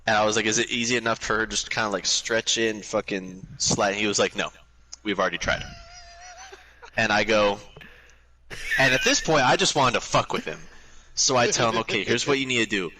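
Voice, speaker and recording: A young man spins a crude story in casual game chat, cursing freely and acting out every line he quotes. His voice is bright and forward, with a sharp edge to it. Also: lowish voice, a little fast, low-quality recording. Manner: profane, animated storyteller who acts out the quotes. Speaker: gamer telling a story.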